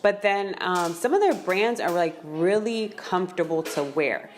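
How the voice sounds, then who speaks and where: Young mom podcast cohost, lower voice, rambles and jumps in a lot. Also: female voice, animated, measured pace, slight background noise. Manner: chatty, interrupting, rambling with fillers. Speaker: podcast co-host. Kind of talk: casual chat.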